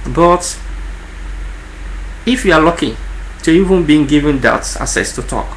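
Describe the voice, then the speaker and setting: A man's voice: a little high, lively intonation, measured pace, a bit bright. A man with a Nigerian accent speaking earnestly and informally to viewers, often repeating words and phrases for emphasis. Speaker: online channel host. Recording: echoey room with faint background noise.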